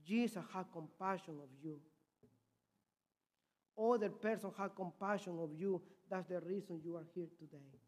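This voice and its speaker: A man's voice: high-pitched, moderate pace. A man from Peru preaching a sermon as a missionary, with a Peruvian Spanish accent and impassioned, swinging volume.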